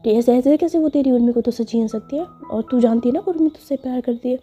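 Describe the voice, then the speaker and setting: A woman's voice: fairly high pitch, fast talker, warm tone, close to an everyday voice. A woman voicing a caring young woman friend. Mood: reassuring. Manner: soothing, urging. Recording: slightly dull with faint music.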